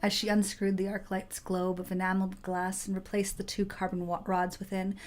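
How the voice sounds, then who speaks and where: A woman reading a text adventure game aloud in an expressive storytelling way. Her voice is moderately pitched and measured.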